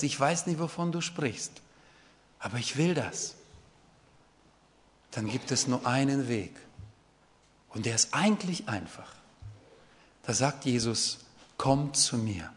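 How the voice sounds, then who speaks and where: A man preaching a sermon in German, earnest, sometimes rising to fervent pleading. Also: a little high. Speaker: pastor. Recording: long reverb of a hall.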